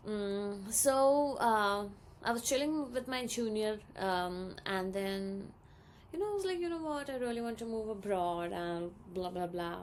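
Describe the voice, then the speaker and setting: A young woman with an Indian English accent, chatting casually in a storytime vlog, acting out quoted lines in a higher voice. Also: lively intonation, unhurried, slight background noise. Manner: chatty, many ums, acts out quoted dialogue in a higher voice. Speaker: vlogger.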